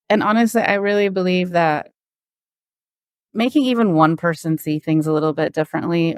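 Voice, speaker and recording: A woman guest on an interview podcast, telling stories in a lively way, acting out the people she quotes and often saying "like" and "you know.". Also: sits low, no room sound, studio quality. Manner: animated, acts out quoted voices, frequent fillers. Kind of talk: conversational interview storytelling.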